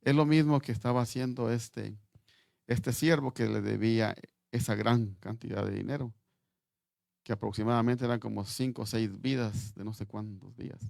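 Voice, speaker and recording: A man preaching a sermon in Spanish, halting and repeating words as he reads scripture aloud. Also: medium pitch, fairly even intonation, gravelly, a little mellow, no echo, clean studio sound.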